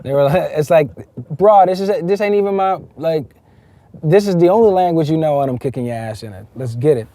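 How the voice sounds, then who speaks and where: Rambling rapper, warm and relaxed. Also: male voice, on the high side, fairly quick. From Netherlands. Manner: loose, emphatic, full of fillers and restarts. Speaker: rapper interviewed. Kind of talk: casual interview talk.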